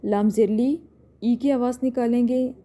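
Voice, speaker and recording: A woman's voice: fairly high pitch, steady tone, dark tone. A woman teaching a tajweed lesson, patiently explaining each step and drawing out words as she recites.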